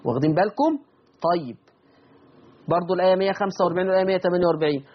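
Man, Egyptian accent, recitation teacher, repeats words slowly, dull muffled sound. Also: sits high, slightly rough. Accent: Egyptian Arabic. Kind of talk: explaining recitation rules.

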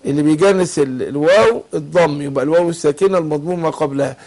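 A man's voice: on the high side, rapid-fire, darkish tone. A man with an Egyptian Arabic accent teaching tajweed on a call-in lesson, patiently asking his student to fill in the words. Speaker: Quran recitation teacher.

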